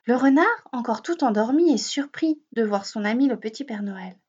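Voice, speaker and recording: A woman with a high voice reads a children's story aloud, gently and expressively. The recording is dull and lo-fi. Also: expressive, normal speed, husky.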